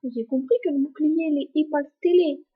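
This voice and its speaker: A woman's voice: sits high, moderate pace, narrow, tinny audio. A young woman with a sore, coughing throat, chatting casually to viewers at home as she plays a game, often stammering and repeating words. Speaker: gaming video creator. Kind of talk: casual gameplay commentary.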